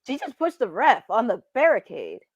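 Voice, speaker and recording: A woman's voice: fairly high pitch, huge pitch swings, normal speed, slightly rough, no room sound, dull audio. A woman co-hosting a live watch-along, chiming in with short reactions and laughs.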